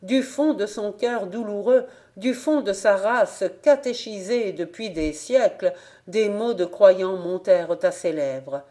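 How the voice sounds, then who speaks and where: A woman with a French accent and a medium-pitched voice narrates a literary audiobook, reading a classic novel aloud. Her storytelling is measured and even.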